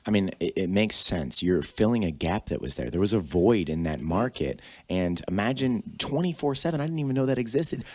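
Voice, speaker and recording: A man hosting a podcast, reading a sponsor shout-out and introducing his guest with upbeat enthusiasm. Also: fairly low pitch, animated, a little fast, hardly any pauses, no room sound. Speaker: podcast host.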